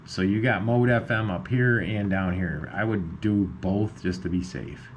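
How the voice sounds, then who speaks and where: An amateur radio video host gives a casual screen tutorial indoors at his computer, his fairly low male voice at a measured pace. He's informal and a bit hesitant as he thinks aloud, and the room recording is clearly noisy.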